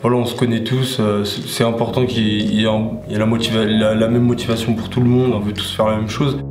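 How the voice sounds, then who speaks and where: Young man, from the Paris region, low flat voice, hesitant, ski trainee, roomy echo. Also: fast. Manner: hesitant, many restarts and fillers. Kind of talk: documentary interview. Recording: echoey room with faint noise.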